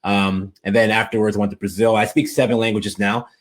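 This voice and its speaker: This guest's voice sits on the low side, and he speaks briskly. He's an American language coach who shares stories in an easygoing, lively, enthusiastic manner during an interview.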